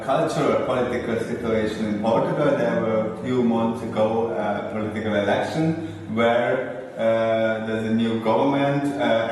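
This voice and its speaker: A man asking interview questions in English, halting as he searches for words. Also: mid-range voice, darkish tone. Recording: echoey hall, distant mic, faint noise.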